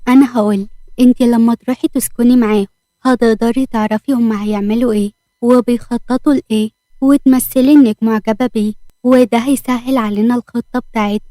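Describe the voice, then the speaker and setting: A calm, commanding young man from a spoken story, as a woman narrator puts him on, talking steadily with an Egyptian accent. The delivery is brisk, the tone warm and mellow. The recording is close and dry. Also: fairly high pitch, dry recording, lightly acted. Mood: persuasive.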